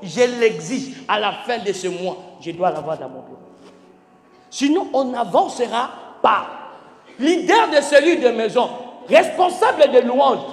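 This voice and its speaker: A man preaching a sermon as pastor, emphatic and swinging between shouted lines and near-quiet ones, asking the congregation questions and spelling out words. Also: extremely high pitch, animated, measured pace. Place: large church hall. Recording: echoey church hall with faint music.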